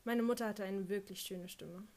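A woman's voice: medium pitch, steady tone, normal speed. A woman reading a first-person audiobook narration with a dry, wry delivery.

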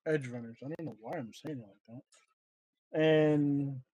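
A man's voice: on the high side, unhurried, mellow, breathy edge, no echo, dull audio. A man co-hosting a podcast, chatting casually and correcting himself as he goes. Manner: rambling, self-correcting. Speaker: podcast co-host. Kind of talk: casual chat.

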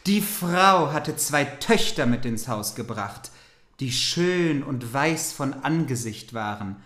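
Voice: mid-range voice, animated, slow, a bit bright, echoey room. A podcast host reading a fairy tale aloud and breaking off with naive, confused questions.

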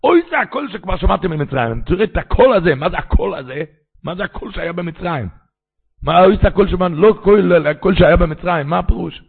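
A man who is a rabbi, giving a Torah sermon with animated preaching and sudden cries. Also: sits high, creaky, slightly rough, phone-quality sound.

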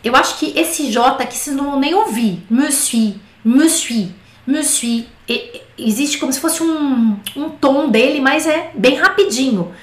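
A French teacher with a high, bright voice leads an online class, chatting and explaining as she goes. She slows down to sing short children's songs line by line, and her voice echoes around the room.

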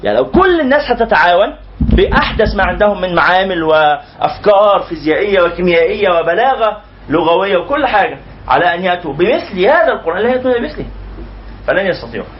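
A man's voice: high-pitched, lively intonation, fast talker, lo-fi sound, slight background noise. A man with an Egyptian accent teaching a lecture, explaining terms word by word and restating them again and again. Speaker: religious teacher. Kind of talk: lecture explaining a classical poem.

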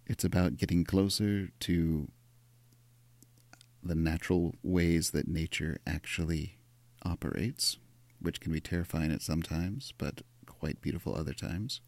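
A man's voice: low voice, unhurried, darkish tone, dry recording. A man, chatting casually and playfully to his audience in a sleepy, just-woken-up voice. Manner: playful, self-mocking. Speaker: vlogger. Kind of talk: casual direct-to-camera chat.

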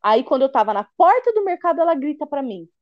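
A woman's voice: high-pitched, quick pace, no room sound, muffled recording. A young woman hosting a casual chat, telling a heated story and acting out the lines of other people in it, with some swearing. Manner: animated, swears, acts out quoted dialogue. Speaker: podcast host.

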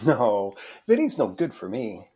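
A man's voice: mid-range voice, wildly swooping pitch, a little slow, mellow. A man voicing a playful young woman, a hired protester, in a put-on Midwestern accent and a teasing, chirpy manner. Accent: Midwestern American, put on.

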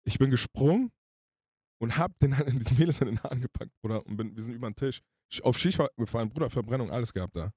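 A man telling his story as a podcast guest in casual, slangy speech, rushed and emotional. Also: medium pitch, animated, darkish tone, husky, no room sound, clean studio sound. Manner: slangy, rushed and emotional, addresses the listener as "Bruder".

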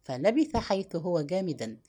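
A woman narrating a historical novel as an audiobook. Her reading is expressive, with pitch that moves in a lively, animated way through each sentence. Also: normal speed, husky.

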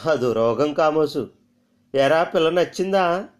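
A man's voice: a little high, expressive, measured pace, pitched above the performer's own voice. A man putting on a drawling, grasping village mother. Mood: haggling. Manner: drawling, nagging. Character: grasping middle-aged village mother haggling over dowry.

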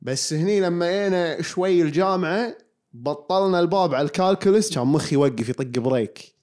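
A man co-hosting a podcast, telling stories in an animated, joking way. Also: on the high side. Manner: quick, animated storytelling, joking. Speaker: podcast co-host. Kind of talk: casual chat.

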